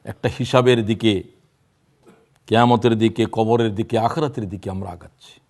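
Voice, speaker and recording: A man in his sixties preaching a sermon, reciting prayers and quoting verse in a drawn-out voice that swings between loud and hushed. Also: fairly low pitch, fairly even intonation. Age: 60s. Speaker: Islamic preacher.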